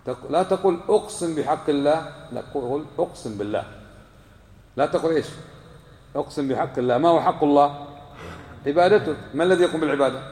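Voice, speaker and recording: A man's voice: fairly high pitch, quick pace, a little mellow. A man giving a religious lesson to a live class, quizzing his listeners and repeating key points for emphasis. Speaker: religious teacher. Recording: echoey hall with long reverb.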